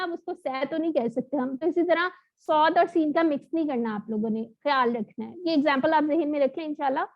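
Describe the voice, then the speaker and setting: High-voiced woman teaching recitation, lo-fi. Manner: patient, explanatory, demonstrates sounds slowly. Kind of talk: online tajweed lesson. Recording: dull lo-fi audio.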